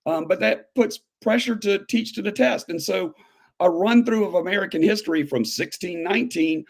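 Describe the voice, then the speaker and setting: A man in his fifties, a high school history teacher, speaking as an interview guest in an animated, emphatic way that builds to pointed questions. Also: moderate pace, creaky. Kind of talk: conversational interview.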